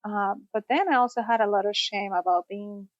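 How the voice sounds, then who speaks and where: A woman's voice: medium pitch, brisk, no room sound, highs cut off. A woman from Costa Rica, a sex therapist, telling her story in a podcast interview. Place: studio, in person.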